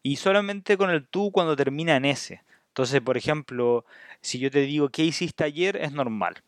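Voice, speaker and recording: A Chilean man explains slang in a relaxed conversation, and his voice comes across smooth and resonant. The sound is dry and close, with no room echo. He lays things out patiently and acts out the slang in lively little asides. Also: a little high, normal speed. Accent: Chilean Spanish. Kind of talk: casual interview chat.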